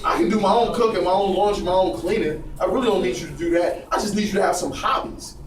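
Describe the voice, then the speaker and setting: A man's voice: sits high, fast talker. A man giving a blunt, profane motivational talk to a small audience and asking them to agree with him. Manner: preachy, profane, asks the room for agreement. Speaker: speaker addressing a group. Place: indoor room with a small audience. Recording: echoey noisy room from far off.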